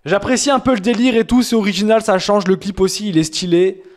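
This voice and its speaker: A man's voice: sits high, a little fast. A young man streaming, reacting to fan-sent rap songs in casual, slangy talk with mocking, exaggerated complaints.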